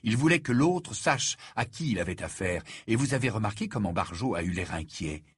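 A man narrating a storybook with a lively, swinging delivery and a husky voice. He reads expressively and gives each character a voice of their own. The sound is close and dry. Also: lowish voice, moderate pace, no echo. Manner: expressive reading, doing all voices. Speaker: audiobook reader.

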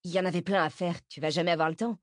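A woman's voice: fairly low pitch, fairly even intonation, racing, dry recording, clean studio sound, natural voice. A woman voicing a curious, protective teenage girl in an audiobook, asking probing, informal questions. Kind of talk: audiobook character voice.

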